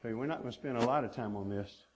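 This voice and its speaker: A man's voice: mid-range voice, racing, darkish tone. A man preaching a sermon as pastor, earnest and emphatic, stacking repeated phrases.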